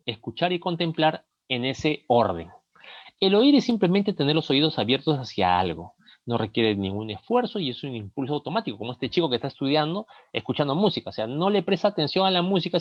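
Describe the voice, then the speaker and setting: A man with a Peruvian Spanish accent lecturing in a recorded lesson, setting out his points step by step and reading song lyrics aloud to illustrate them. His voice sits at an ordinary middle pitch. The sound is dull and dry, with no room echo.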